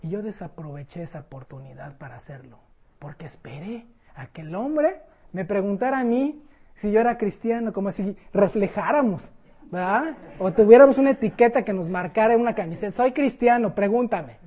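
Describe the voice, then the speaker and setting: A woman preaching a sermon in a conversational, animated storytelling way. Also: medium pitch, brisk.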